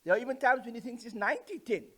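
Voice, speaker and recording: A man co-hosting a relaxed vodcast in a Cape Town accent. His voice sits high and swings all over, full of playful teasing banter. He moves easily between English and Afrikaans. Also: very fast. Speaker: co-host. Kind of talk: casual vodcast chat.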